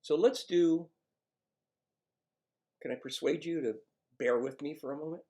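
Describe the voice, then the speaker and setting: A man working as an addiction counselor, coaching a patient one-on-one in a gentle, coaxing, self-mocking way. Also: fairly high pitch, measured pace.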